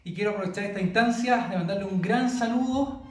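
A man's voice: sits high, fast talker. A Chilean man with a Chilean accent recording an upbeat, encouraging greeting at home. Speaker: former student sending greetings. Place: his home. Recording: roomy, distant from the mic.

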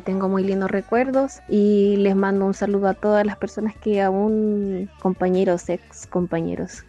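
A woman's voice: medium pitch, dark tone. A Chilean woman with a Chilean accent sending a recorded greeting, hesitant and full of fillers. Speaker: former student sending greetings. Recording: dull lo-fi recording.

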